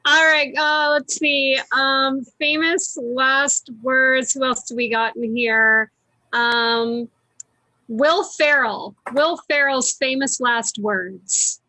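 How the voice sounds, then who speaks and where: A woman running improv games, calling out performers and prompts in an unhurried way. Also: high-pitched, fairly even intonation, bright, forceful tone, no room sound, rough recording. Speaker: improv game caller.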